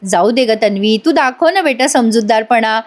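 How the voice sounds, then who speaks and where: Indulgent middle-aged mom, high-pitched, gently soothing, voiced by a woman. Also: lively intonation, normal speed, close to an everyday voice.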